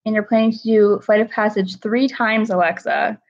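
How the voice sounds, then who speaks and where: Chatting easily from home, a woman hosts a casual livestream and greets viewers by name from the chat. Her mid-range voice moves at a moderate pace with fairly even intonation, heard through dull lo-fi livestream audio.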